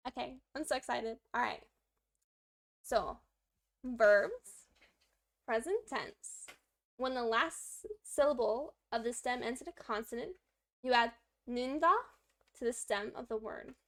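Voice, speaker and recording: Upbeat woman livestreaming her study session, high pitched, talks to herself while working through examples. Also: slow pace, pauses often, a bit bright. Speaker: livestreaming language learner. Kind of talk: reading lesson text aloud and chatting while writing notes.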